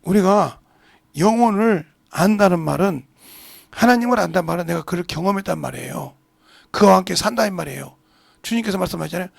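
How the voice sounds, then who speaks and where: Pastor guy preaching a sermon, kinda high voice, really gravelly and husky, dry close sound. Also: quick pace, no echo. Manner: animated preaching, acting out family dialogue. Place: church sanctuary.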